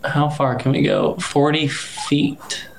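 A man's voice: on the high side, takes it slowly, gravelly, a little hiss or hum, rough recording. A man playing a tabletop game, talking plainly as he weighs his options. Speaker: player. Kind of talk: casual tabletop play.

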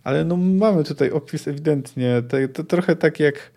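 Mellow-voiced man reading and musing. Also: a little high, creaky. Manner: thinks aloud, discursive and unhurried. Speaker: podcast host reading and discussing a novel. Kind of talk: reads book passages aloud, then comments casually.

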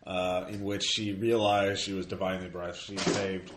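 A man running a tabletop game as game master, narrating casually in a halting, hesitant way. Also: deep voice, level tone. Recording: echoey room, noisy, clicks.

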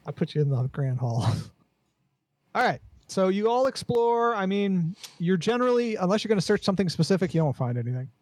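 A man's voice: sits high, very animated, brisk, darkish tone, dry recording. A man running a tabletop game as game master, laid-back, often laughing and repeating himself.

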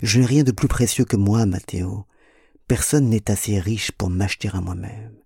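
A man's voice: lowish voice, moderate pace, creaky, darkish tone, slightly rough, no echo, clean studio sound, exaggerated voice. A man reading an audiobook and voicing a teasing, proud young Spanish woman with a mocking, defiant manner.

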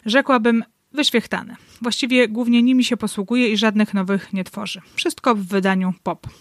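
A woman's voice: a little high, fairly even intonation, moderate pace. A woman talks through literature in a wry, analytical way, with a dryly ironic edge. She sits close to the mic in a dry, dead sound with no room echo. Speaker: book reviewer. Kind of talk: literary commentary with read-aloud excerpts.

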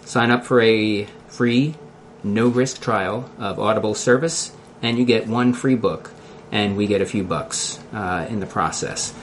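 A man with a Philadelphia accent hosting a casual podcast in a halting, loosely scripted way. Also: fairly low pitch, a little hiss or hum. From Philadelphia area, United States. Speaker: podcast host.

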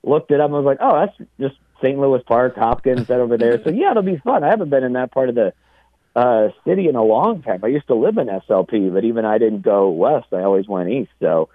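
A man's voice: mid-range voice, expressive, fast, dry recording. A man chatting casually as a comedian guest on a radio show, informal and joking, over a phone call. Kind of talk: casual chat. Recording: tinny band-limited phone line.

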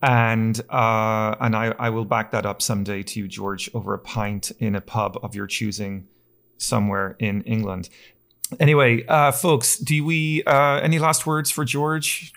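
A man's voice: on the low side, flat delivery, measured pace, fairly bright tone. Man hosting, stammering starts. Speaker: host. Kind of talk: podcast conversation.

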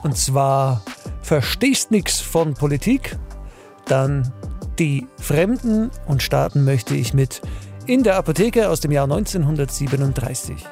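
A man's voice: a little high, animated, unhurried, a little mellow. A male podcast host giving a friendly spoken introduction to a reading. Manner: friendly, announcing. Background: music.

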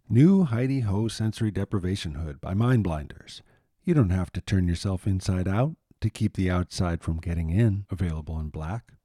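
Man, spoof ad announcer, hard-sell pitch, mellow dark tone, dry close recording. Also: no echo. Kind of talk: mock commercial read.

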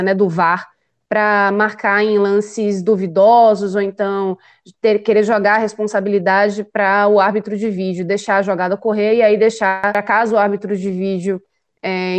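A woman hosting a post-match football talk show, speaking haltingly and searching for words as she sets up questions. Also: medium pitch. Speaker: host.

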